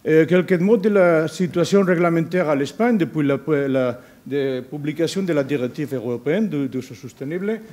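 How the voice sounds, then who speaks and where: A non-native speaker from Spain with a Spanish accent, this man gives a conference presentation as a researcher, halting and searching for words in foreign-accented speech. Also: on the high side, darkish tone. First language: not a native French speaker. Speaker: university researcher giving a presentation.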